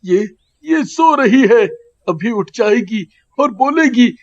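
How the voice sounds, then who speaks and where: A young village husband in a horror cartoon, pleading and tearful,. His voice sits high and the lines come out slowly. The audio is muffled and lo-fi. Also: expressive, exaggerated voice. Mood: sobbing. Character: young village man, grieving new husband. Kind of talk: cartoon voice acting.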